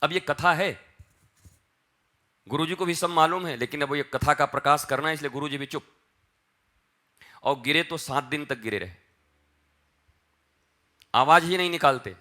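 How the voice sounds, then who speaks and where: Man preaching a devotional story, very bright tone, somewhat high voice. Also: normal speed, long pauses. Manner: acts out dialogue in dialect, swings from hushed chant to loud calls. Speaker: spiritual teacher.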